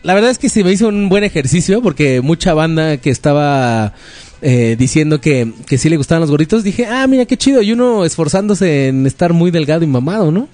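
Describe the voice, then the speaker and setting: A man's voice: on the high side, lively intonation, fairly quick, dark tone, no echo, soft background music. A man in his thirties with a Mexican Spanish accent, hosting a podcast in casual, joking chat full of slang. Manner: joking, chatty slang-filled banter. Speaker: podcast host.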